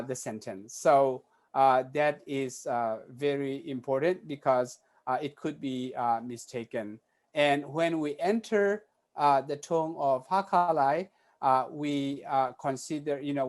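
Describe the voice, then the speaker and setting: Halting male conference speaker, slow delivery. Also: medium pitch, a little mellow. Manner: halting, many filler sounds. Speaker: conference presenter. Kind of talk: academic conference talk.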